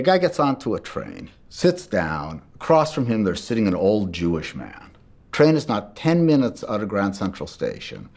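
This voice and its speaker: A man being interviewed for a documentary, telling history and jokes in an animated storyteller's manner. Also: fairly low pitch, slightly rough.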